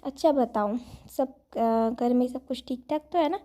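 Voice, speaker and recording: A woman doing a gentle, teasing young uncle. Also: on the high side, measured pace, pitched below the performer's own voice, natural voice. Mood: fond teasing.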